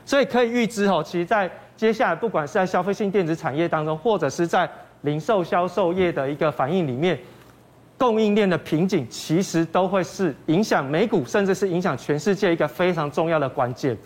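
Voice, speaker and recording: Speaking briskly in a high register, this man with a Taiwanese Mandarin accent offers financial commentary as a guest analyst. He works through points step by step, raising questions and then answering them himself.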